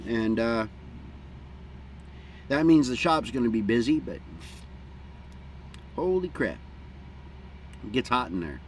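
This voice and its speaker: A middle-aged American vlogger talks outdoors in a mid-range, expressive voice at a moderate pace, pausing often. He rambles casually and unhurriedly in a folksy, plain-spoken way, puffing on a pipe between remarks. The recording is clear, with background noise and an outdoor hum.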